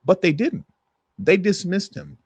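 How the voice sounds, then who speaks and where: A man's voice: sits high, measured pace, creaky, darkish tone, breathy edge, no room sound. A man hosting an opinion commentary on news clips, emphatic, repeating his points and acting out quotes. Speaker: commentary host.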